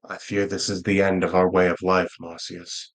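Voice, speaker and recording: A man voicing an ancient, weary female dragon guardian who speaks gravely and mournfully. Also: deep voice, little pitch movement, normal speed, voice pushed down.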